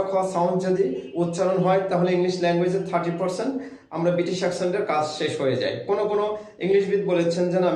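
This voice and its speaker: A man teaching English pronunciation in a video lesson, repeating each rule slowly and with emphasis. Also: high voice, a little mellow. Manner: slow, emphatic repetition of rules. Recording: very echoey room.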